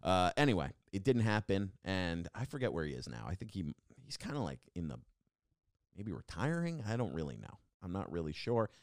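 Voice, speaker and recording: Lively low-voiced man telling stories. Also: brisk, no echo, clean studio sound. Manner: rambling, animated, lots of fillers and restarts. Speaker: podcast host. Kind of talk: casual storytelling monologue.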